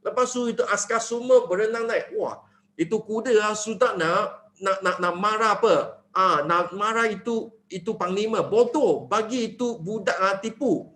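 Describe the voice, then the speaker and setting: High-voiced man pitching sales. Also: moderate pace, reverberant. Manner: animated, mixing in English phrases, asks rhetorical questions. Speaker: network marketing presenter. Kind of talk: sales presentation.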